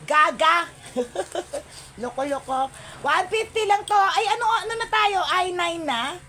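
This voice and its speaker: Woman live-seller host, high-pitched and unhurried, chatty with viewers, mixes in English. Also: lively intonation, sharp tone, a little hiss or hum. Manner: chatty, greets viewers by name, calls out item codes and prices; mixes English into her talk. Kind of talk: live-selling stream chat.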